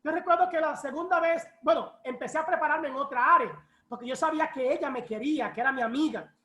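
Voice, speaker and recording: A woman pastor preaching a personal testimony in a church, telling stories in a lively way and acting out what people said. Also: high-pitched, fast. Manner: lively storytelling, acts out quoted voices. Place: church hall. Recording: echoey church room.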